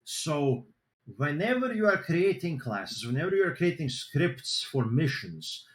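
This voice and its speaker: A man's voice: fairly high pitch, very animated, measured pace, reverberant. A man presenting a seminar over group voice chat, explaining in a loose way with many fillers. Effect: group voice chat audio.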